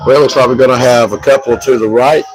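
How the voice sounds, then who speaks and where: Hoarse radio football announcer. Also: male voice, medium pitch, fairly even intonation, fast talker, soft background music, poor audio. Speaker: play-by-play announcer. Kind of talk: local radio football commentary.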